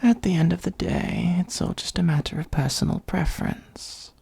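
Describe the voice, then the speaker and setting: In an ASMR roleplay, a performer fully voices an ancient, wry, self-serving dragon offering advice in a breathy, husky half-whisper. The phrasing is measured and formal, the mood dry and instructive, with a medium-pitched, darkish voice and no echo.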